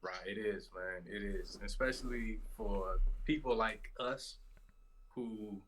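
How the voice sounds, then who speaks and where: A man's voice: on the low side, slow pace, fairly bright tone, a little hiss or hum, low-quality recording. A man talking emphatically in a casual interview, often addressing the other man as "man". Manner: emphatic, says "man" a lot. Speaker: interview guest. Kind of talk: casual conversation.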